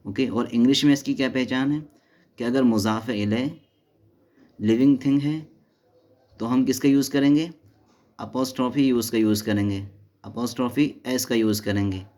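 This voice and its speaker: A man with a medium-pitched, dark voice teaches Arabic grammar step by step, posing questions and answering them himself. He mixes Hindi-Urdu with English and Arabic terms and reads English textbook notes slowly.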